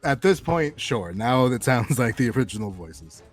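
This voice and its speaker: A man acting as game master, narrating scenes in a loose, rambling way and laughing often, with soft music in the background. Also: medium pitch, sing-song, moderate pace. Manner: giggly, loose, rambling descriptions.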